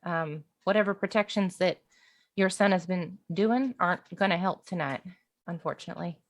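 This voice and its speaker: A woman's voice: on the low side, moderate pace, lightly acted. Woman as a reassuring, diplomatic lady adventurer. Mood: earnest. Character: polite noble lady adventurer, reassuring and earnest.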